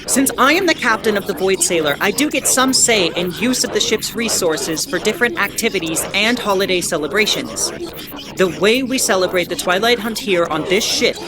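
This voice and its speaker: A woman playing a starship captain who gives formal, measured bulletins with dry asides in an audio drama. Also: mid-range voice, expressive, a crowd in the background, close to an everyday voice. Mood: dry, official. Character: female starship captain reading an official ship bulletin. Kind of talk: scripted in-character announcement, audio drama.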